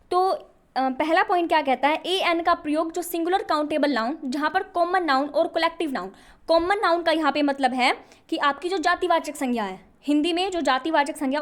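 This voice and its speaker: High-voiced woman teaching grammar. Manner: asks questions and answers them herself, repeats key points. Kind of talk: exam coaching lesson.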